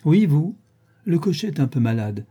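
A man's voice: on the high side, sing-song, moderate pace, mellow, slightly rough, voice pushed up. A man reading an audiobook, voicing a witty, playful aristocratic lady who hands down mock-solemn judgments.

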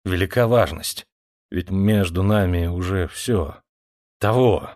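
A man reading a gruff, sneering cavalry officer. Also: low-pitched, slow, a little mellow, no echo, clean studio sound, voice pushed down. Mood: coaxing. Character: coarse, hot-tempered older male cavalry officer. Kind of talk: audiobook character reading.

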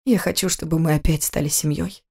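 A woman reading an audiobook, voicing a brooding estranged husband who talks in a low, growling, resentful way. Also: steady tone, brisk, a little mellow, natural voice.

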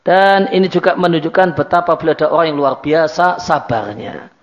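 A man's voice: on the high side, expressive, a little fast. A man giving a religious study lecture in a chatty, repetitive way. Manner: conversational, repetitive, drops in Javanese words. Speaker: Islamic teacher. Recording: dull lo-fi lecture recording.

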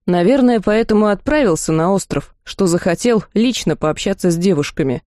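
A woman's voice: mid-range voice, expressive, moderate pace, mellow, no room sound, clean studio sound. A woman reading a first-person fantasy novel aloud as an audiobook narrator.

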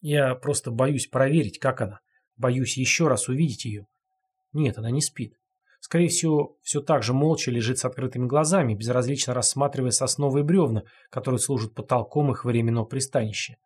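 A frightened male prisoner pleads in a hushed, urgent voice, read by a male narrator. His voice is husky and strained. It is a dark audiobook scene. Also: mid-range voice, a little fast, close to an everyday voice. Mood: anxious pleading. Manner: anxious, pleading.

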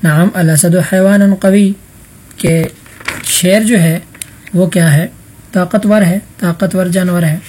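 A man's voice: high-pitched, steady tone, pauses often, darkish tone, slight background noise. A man teaching an online Arabic vocabulary lesson, patiently calling on students by roll number and explaining answers.

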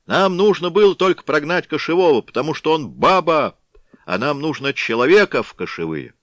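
A man voicing a rowdy, drunken mob of Cossack men, shouting insults and names high and loud. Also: sing-song, normal speed, no room sound.

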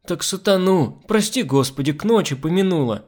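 A man's voice: high-pitched, animated, normal speed, a little mellow, voice pushed up. A man reading an audiobook, voicing an old, pious, superstitious housemaid who whines. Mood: whining. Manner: whining, superstitious. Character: old frightened woman servant, pious and whining.

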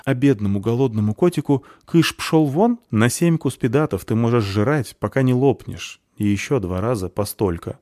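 A man's voice: lowish voice, normal speed, darkish tone, no echo, clean studio sound, lightly acted. A man doing a cheeky, grumpy cat-boy. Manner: grumbling, cheeky. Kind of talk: audiobook character voice.

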